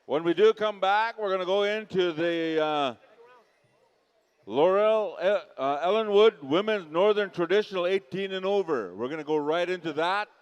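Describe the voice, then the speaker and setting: A man's voice: sits high, moderate pace, smooth, highs cut off. A man announcing as a powwow emcee at a live event over a PA, directing the contests.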